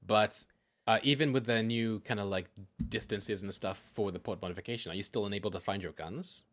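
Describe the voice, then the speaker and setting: Low-voiced man chatting on a podcast. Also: brisk, a bit bright. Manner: chatty, laughs easily, lots of fillers. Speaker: podcast co-host. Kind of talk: casual gaming podcast chat.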